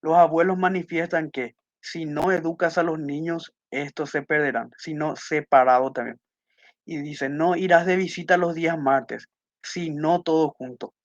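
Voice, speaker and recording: This teacher's voice is fairly high and steady, delivered at a normal speed as he patiently goes over test answers, repeats the important points, and asks little questions to make sure students follow. Sound quality is muffled, dry, and lo-fi.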